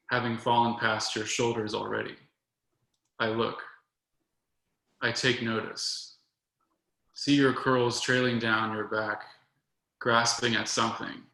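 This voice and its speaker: A young adult man reading his own poems in a measured, soft-spoken way, with short talk between them. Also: medium pitch, vocal fry. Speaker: poet reading his work. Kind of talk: poetry reading. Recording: roomy echo.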